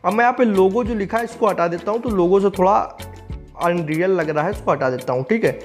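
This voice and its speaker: High-voiced man teaching web coding. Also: a little fast, soft background music. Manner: explains step by step, checks in with "ठीक है". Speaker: coding tutor. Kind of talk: screen-recorded coding tutorial.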